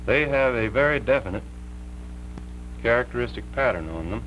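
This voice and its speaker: Engineer in a 1950s TV broadcast. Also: male voice, mid-range voice, expressive, a bit bright, soft background music, low-quality recording. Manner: measured, plain technical explaining. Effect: 1950s TV broadcast sound. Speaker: electrical engineer demonstrating TV interference. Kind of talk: explanatory on-air demonstration.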